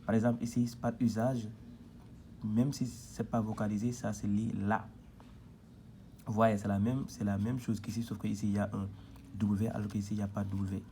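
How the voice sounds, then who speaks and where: A man's voice: fairly low pitch, flat delivery, moderate pace, background noise. A man teaching a reading lesson at a board, patient and repetitive, spelling out syllables one by one.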